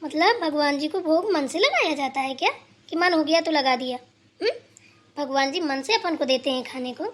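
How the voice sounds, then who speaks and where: A woman's voice: high-pitched, moderate pace, close to an everyday voice. A woman voicing a stern, bossy older mother-in-law in a cartoon, scolding and lecturing her daughter-in-law. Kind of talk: cartoon voice acting.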